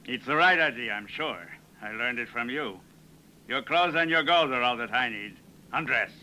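An actor dubbing a cunning Mexican army captain who gives orders in a cold, commanding way. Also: male voice, mid-range voice, lively intonation, normal speed, pushed and bright, a little hiss or hum, rough recording. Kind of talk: dubbed film acting.

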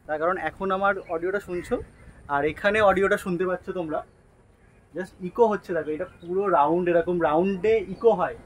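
A chatty man with a slightly high voice walks his viewers through a park, explaining what he sees. He stands inside a round structure, and every word rings back with a big, cathedral-like echo. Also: fairly quick. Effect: strong echo from a round enclosure. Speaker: travel vlogger. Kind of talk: casual walking tour narration.

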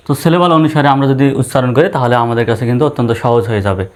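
A man teaching English pronunciation, spelling each word letter by letter and then saying it slowly in syllables. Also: mid-range voice, animated.

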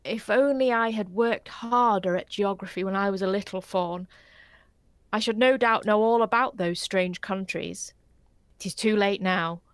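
A man reading aloud, voicing a nervous, courtly male faun in a high, lifted voice with fretful, old-fashioned politeness. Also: measured pace, fairly bright tone, smooth, no echo. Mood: melancholy. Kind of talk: audiobook character voice.

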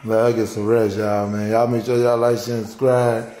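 A man's voice: lowish voice, flat delivery, moderate pace, mellow. An American man in his thirties chatting casually for a vlog, laid-back and teasing. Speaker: vlogger behind the camera. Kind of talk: casual joking vlog chat. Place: moving car, later indoors at home. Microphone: handheld camera. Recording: car noise, handheld camera.

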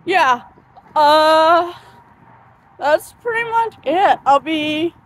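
A woman in her thirties with a high voice films herself on a phone while walking through a sunny park. She talks slowly and wanders from thought to thought, filling gaps with ums and uhs. She has the hiccups as she goes. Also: expressive, low-quality recording. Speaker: vlogger. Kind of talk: casual walking vlog. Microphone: phone held at arm's length.

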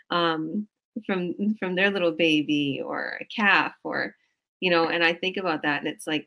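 A coach leads a team video call from a small room at home, her low voice carrying a fairly bright tone. Speaking through her webcam, she rambles effusively and keeps restarting during a casual motivational chat.

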